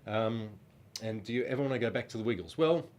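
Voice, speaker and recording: A mid-range male voice, slightly fast, belongs to a middle-aged Australian who once sang in a children's band. Nasal from a cold, he goes through fan questions in an easygoing, friendly, wandering style peppered with ums.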